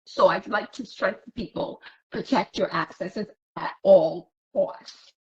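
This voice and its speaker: A woman's voice: medium pitch, slow. A woman patient giving earnest advice in a webinar, her voice coming through a choppy, breaking-up online call. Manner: earnest, advising. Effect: choppy, breaking-up online call audio. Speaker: patient speaker. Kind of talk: webinar presentation. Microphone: remote call microphone, too far off. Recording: dull, lo-fi call audio that breaks up.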